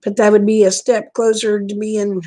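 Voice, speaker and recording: A sleep-deprived American woman talks in a loose, rambling livestream chat. Her voice sits at a middling pitch, and her manner is folksy and homey, drifting and slow to follow. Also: little pitch movement, dark tone. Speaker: livestreamer chatting with viewers.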